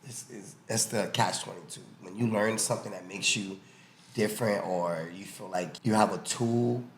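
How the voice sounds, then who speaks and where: Speaking at a moderate pace in a lowish voice with fairly even intonation, a boxing coach on a podcast tells personal stories and explains with examples in a casual, emphatic way. His background: born in the US, early childhood in Haiti, then raised in New York. Echo and faint background noise fill the room.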